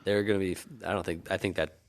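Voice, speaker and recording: A man's voice: sits low, little pitch movement, fast. A man co-hosting a casual podcast chat, wry and sardonic, often laughing at his own jokes. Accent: Chicago. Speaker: podcast co-host.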